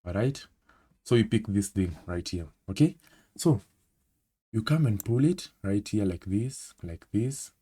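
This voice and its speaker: A man's voice: on the low side, expressive, unhurried, mellow, husky. A man with a Kenyan accent giving a screen-recorded trading tutorial, talking conversationally and checking in often with "okay?". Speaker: trading instructor.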